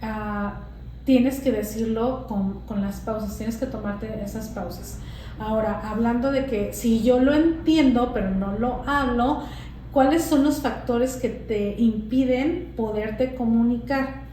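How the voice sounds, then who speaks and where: A woman, a guest English teacher, explaining with examples in a casual interview and pausing to find her words. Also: a little high, mellow. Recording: very echoey room with faint noise.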